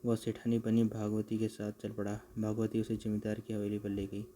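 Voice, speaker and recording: A man narrating an animated comic story in a steady storytelling way. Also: lowish voice, normal speed, a little hiss or hum.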